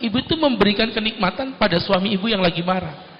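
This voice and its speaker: A male preacher giving a lively, joking Islamic sermon at a company event in a ballroom. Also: high-pitched, quick pace. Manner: lively, joking, plays many voices. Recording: echoey ballroom through dull PA.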